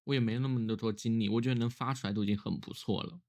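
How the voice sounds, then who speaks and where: A man's voice: mid-range voice, steady tone, fast, darkish tone. A man who is ill with a cough, talking casually and reflectively on his own in a weary, musing way, as a solo vlogger.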